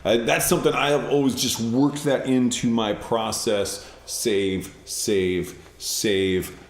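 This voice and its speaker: A man streaming while he composes, thinking aloud in a halting, self-correcting way in casual livestream talk. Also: medium pitch. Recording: roomy sound with guitar behind.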